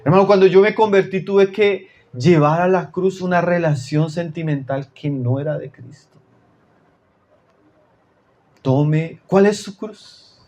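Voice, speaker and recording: A man from Chile preaching a sermon, addressing his listeners as brothers and dropping to low, intense tones for emphasis. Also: unhurried, long pauses, a little mellow, muffled recording.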